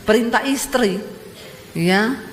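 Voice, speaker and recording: A woman pastor from Sulawesi with a Sulawesi accent, preaching a sermon full of lively personal stories and addressing the congregation directly. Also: on the high side, takes it slowly. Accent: Sulawesi Indonesian. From Sulawesi, Indonesia. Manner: lively, animated storytelling, addresses congregation as "saudara". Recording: echoey church hall, faint noise.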